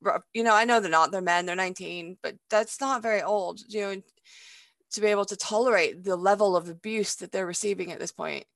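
A woman's voice: medium pitch, fairly quick, a bit bright, no room sound. A woman in her thirties chatting casually as co-host, often ending points with tag questions. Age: 30s. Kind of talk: casual chat.

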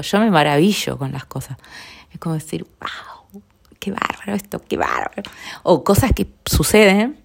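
This middle-aged woman has a notably low, gravelly voice and a Rioplatense Spanish accent. Like a podcast host sharing her own story, she talks in a soft, earnest, heartfelt and unhurried way, often trailing off into a hushed near whisper.

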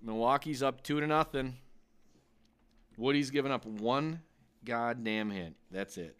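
A man's voice: medium pitch, unhurried, fairly bright tone, clean tone. Profane, ranting man in his thirties. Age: 30s. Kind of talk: casual sports chat.

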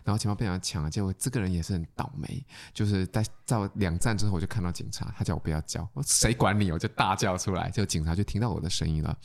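A man chatting casually, telling an animated story, often laughing and stammering when he gets worked up. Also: deep voice, fast talker, vocal fry, few pauses. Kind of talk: casual chat. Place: lives in Australia.

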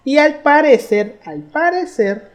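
A woman's voice: sits high, lively intonation, takes it slowly. A young woman with a Mexican accent, co-hosting a casual history chat, slangy and storytelling as she goes through her notes. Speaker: podcast co-host.

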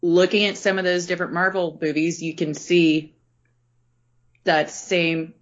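A woman's voice: on the low side, little pitch movement, measured pace. A woman chatting casually as a podcast host. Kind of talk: casual chat. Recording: slightly dull, compressed audio.

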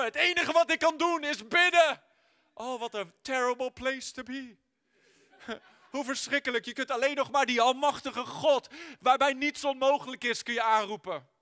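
High, bright-voiced male preacher. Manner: emphatic, mixes in English words, rises to near shouting. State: sore throat. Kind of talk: sermon. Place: church.

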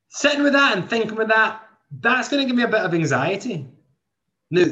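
A man's voice: high-pitched, fairly bright tone. A man, hosting a motivational podcast in an earnest way, thinking aloud with many restarts. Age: 20s. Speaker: podcast host and coach. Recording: dull lo-fi sound.

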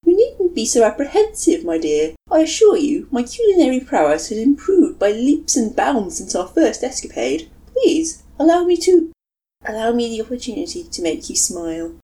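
A woman's voice: a little high, sing-song, normal speed, dark tone, voice pushed up. Woman voicing a grandiose, theatrical young man. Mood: gallant. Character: dramatic, gallant young man, flowery speech.

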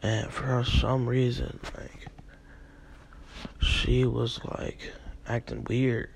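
Young male podcast host, husky and a bit sick, rambling and profane. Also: mid-range voice, little pitch movement, drawn-out words. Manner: rambling, profane, many fillers. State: a little sick. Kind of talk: casual dream recounting monologue.

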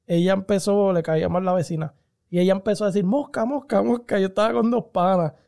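A man with a Puerto Rican accent, chatting casually on a podcast and telling lively stories full of slang. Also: high-pitched, quick pace, gravelly, clean tone. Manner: animated storytelling with slang. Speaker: podcast host. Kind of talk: casual chat.

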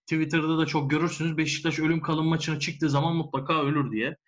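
A man's voice: fairly high pitch, steady tone, quick pace, muffled recording. A man in a casual sports discussion, explaining his points as a commentator and repeating phrases for emphasis. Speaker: football commentator.

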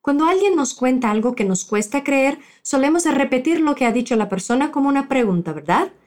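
A woman teaching a language lesson with a fairly high, very lively voice that rises and falls a great deal. She explains each point clearly and then says the example phrases slowly and carefully so the listener can repeat after her. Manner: slow, carefully spoken model phrases for the learner to repeat.

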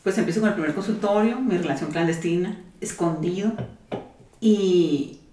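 A Mexican woman telling her own story in a casual podcast chat, animated and acting out the dialogue she recalls. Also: lowish voice, normal speed, roomy sound, recorded from a distance.

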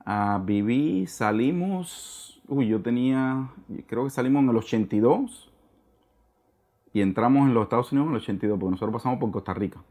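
A middle-aged man from Cuba with a Cuban Spanish accent, a guest in a casual interview, talking earnestly and often pausing to search for words. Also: mid-range voice, animated, mellow.

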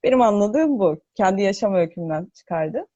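Woman with a mellow voice in heavy echo. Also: medium pitch, expressive. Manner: explanatory, hesitant with thinking pauses. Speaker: host of a religious discussion broadcast. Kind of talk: unscripted religious talk, explaining scripture. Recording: echoing voice, muffled online audio.

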